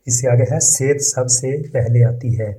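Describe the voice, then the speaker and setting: Slow, dark-voiced male language teacher. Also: medium pitch, fairly even intonation, poor audio. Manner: reads each phrase, then breaks it down word by word; says foreign phrases very slowly and deliberately. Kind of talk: slow phrase-by-phrase language lesson.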